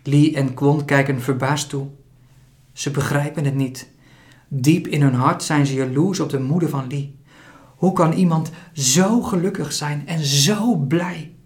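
Rustige verteller van een voorleesverhaal. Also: medium pitch. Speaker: narrator. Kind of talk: scripted storybook narration.

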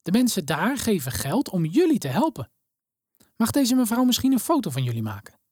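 A woman voicing a kind, calm male pastor speaking gently to children. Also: medium pitch, a little fast, husky, no echo, clean studio sound, voice pushed up. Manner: calm, friendly and reassuring.

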